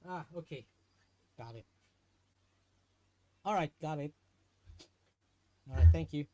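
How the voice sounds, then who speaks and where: A man's voice: a little high, takes it slowly, dark tone. Patient male tutor teaching live. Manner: patient, checks understanding often. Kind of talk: live online lesson.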